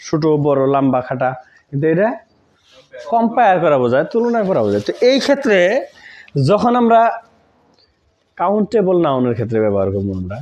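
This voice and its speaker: A man explaining grammar to students in a high, very animated voice. He repeats key terms and keeps checking that they understand. The recording sounds dull and lo-fi. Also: brisk, long pauses. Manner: asks students to confirm, repeats key words. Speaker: English grammar teacher.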